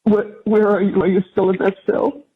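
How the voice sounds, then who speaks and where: A mother speaking haltingly and carefully on a recorded jail payphone call, with a husky voice. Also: medium pitch, little pitch movement. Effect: jail payphone call line. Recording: dull recorded phone call.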